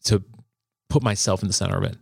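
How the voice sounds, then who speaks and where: A man in a casual faith conversation, speaking reflectively with frequent halting restarts. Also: deep voice, steady tone, creaky, slightly rough, dry recording, clean studio sound.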